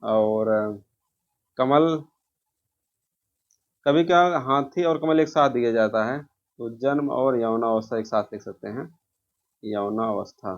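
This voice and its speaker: A man walks slowly through quiz questions in an informal lesson, pausing at length as he poses each question and supplies the answer. His voice sits at medium pitch, and the recording is muffled and lo-fi.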